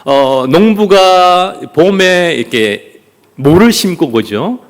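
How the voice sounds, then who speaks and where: Lively, playful pastor. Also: male voice, sits high, takes it slowly. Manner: playful, jokes with the congregation; leads the congregation in clapping and greetings. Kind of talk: family worship sermon.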